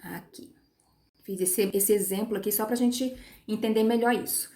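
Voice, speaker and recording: A woman teacher giving a recorded online lesson to young pupils, patient, spelling words out slowly and checking in with short tag questions. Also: mid-range voice, fairly even intonation, dark tone. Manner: patient, stretches words syllable by syllable.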